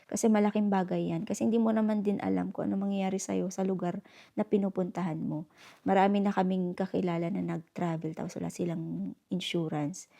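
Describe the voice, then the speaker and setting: Madaldal na babaeng vlogger, malambot ang boses. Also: female voice, lowish voice, gravelly, warm tone. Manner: chatty storytelling with many fillers and English code-switching. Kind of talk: casual vlog chat.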